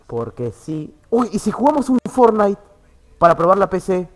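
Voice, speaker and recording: Excitable Peruvian man streaming. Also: normal speed. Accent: Peruvian Spanish. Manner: excitable, swears freely, swings from loud outbursts to low muttering. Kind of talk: casual livestream chat. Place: internet café booth.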